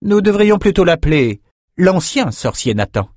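A woman's voice: lowish voice, sing-song, moderate pace, a little mellow, no room sound, voice pushed up. A haughty sorcerer-queen of a magic city speaks in a raised, commanding voice, as a male audiobook reader puts her on. The sound is dry and close. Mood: imperious. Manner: commanding, imperious.

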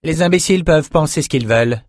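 A man voicing a sharp-tongued, cool female warrior who speaks cuttingly in a storybook. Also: on the high side, fast, no room sound, studio quality, pitched above the performer's own voice, lightly acted.

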